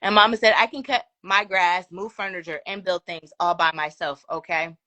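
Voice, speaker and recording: Bright-voiced woman reading viewer comments. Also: lowish voice, fairly even intonation, no room sound. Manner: reads comments aloud with quick laughs and asides. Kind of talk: casual live-stream chat.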